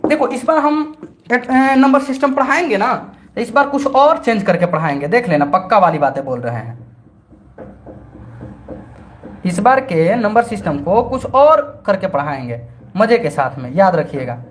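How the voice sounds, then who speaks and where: A middle-aged man runs a live online maths class for exam students and speaks Hindi with a Bhojpuri tinge. His voice sits high for a man. He chats, repeats every point several times, and scolds his students by turns. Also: expressive, moderate pace, slight background noise. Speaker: maths teacher.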